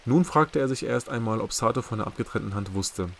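A man narrating a novel chapter as a hobby audiobook, with steady, measured storytelling. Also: mid-range voice, gravelly, a little hiss or hum. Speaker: audiobook reader.

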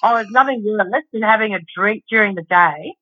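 A woman co-hosting a podcast chats casually and rambles, with the occasional swear word. Her medium-pitched voice moves fairly quickly, and the recording has a dull lo-fi quality.

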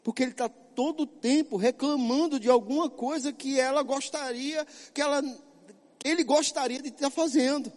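A man's voice: very high voice, steady tone, moderate pace, darkish tone, long reverb tail. A middle-aged male pastor preaching a sermon, emphatic, often asking and answering his own questions.

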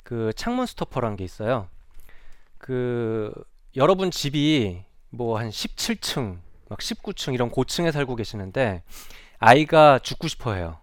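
A man's voice: medium pitch, sing-song, unhurried, dry recording, studio quality. A middle-aged man, a psychiatrist, giving a public lecture on a stage. He talks in an earnest, conversational way and often puts rhetorical questions to the audience.

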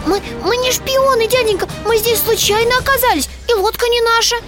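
A woman playing a curious schoolgirl adventurer in a radio drama, inquisitive and quick to plead with adults. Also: very high-pitched, over music. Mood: anxious.

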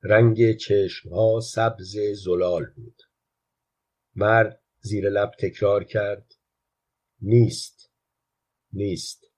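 A man narrating a literary short story, his voice low and husky. He keeps a quiet, even storytelling delivery throughout. The reading sounds unhurried and intimate.

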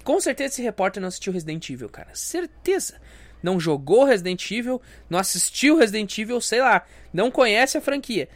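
A man's voice: sits high, very animated, brisk. A young man with a stuffy nose, hosting a crude, self-mocking comedy podcast rant. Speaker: podcast host.

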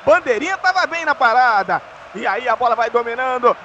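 A Brazilian man calling a live football match in an excitable, explosive goal-commentary manner, with shouts and drawn-out words. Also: very high-pitched, highs cut off. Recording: noisy live sports broadcast.

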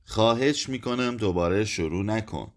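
A calm, heavy drunk man answers quietly and gently, trying to soothe, voiced by the narrator reading the story aloud. His lines sit low and soft in an audiobook reading. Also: close to an everyday voice. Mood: placating.

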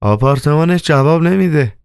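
A man's voice: fairly high pitch, animated, a little mellow, smooth, no echo, clean studio sound, voice pushed up. A man voicing an agitated, flustered male theater manager in an audiobook. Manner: exclaiming, agitated. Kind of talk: audiobook character voice.

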